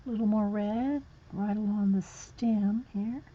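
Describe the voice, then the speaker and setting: A woman hosting an art livestream chats slowly and easily while painting at her table, replying to viewers' comments and muttering soft asides about her brush and colors. Her voice is ordinary in pitch, steady in tone, and slightly breathy, and the lo-fi audio sounds dull. An overhead camera captures her hands and the page.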